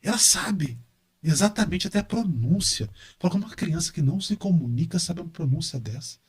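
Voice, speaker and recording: A middle-aged man with a Brazilian Portuguese accent, a university professor and engineer who is a guest on a casual podcast interview. He talks in an animated way and repeats words for emphasis. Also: on the high side, fairly quick.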